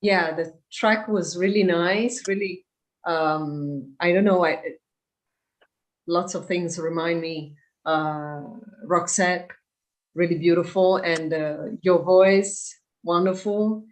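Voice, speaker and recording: A woman's voice: lowish voice, steady tone, slow. A woman reviewing casually on a podcast panel, hesitant and searching for her words. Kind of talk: casual, halting spoken review.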